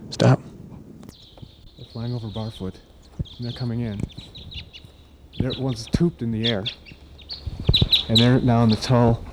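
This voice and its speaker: A man quietly dictating clipped field observations into a recorder outdoors at a forest clearing at dawn, ending each entry with "stop". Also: medium pitch, very noisy. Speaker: field researcher logging bird activity.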